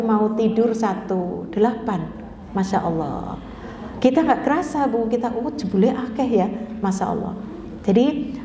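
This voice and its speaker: A woman with a mid-range, dark-toned voice gives a chatty religious study lecture, often checking in with her listeners. The recording is dull-sounding, set in an echoey hall with long reverb and slight background noise.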